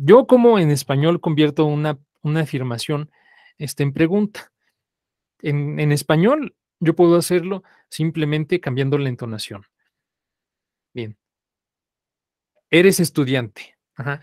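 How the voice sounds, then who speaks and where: A man's voice: fairly high pitch, darkish tone, no echo, studio quality. A man teaching a live language class, repeating students' answers and saying "ajá" constantly.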